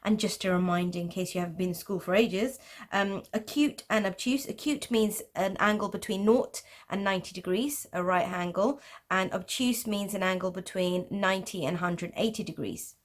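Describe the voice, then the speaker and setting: A woman art teacher with a Pakistani English accent patiently explains geometric drawing in a tutorial, with light laughs. Her voice is mid-range and her pace moderate.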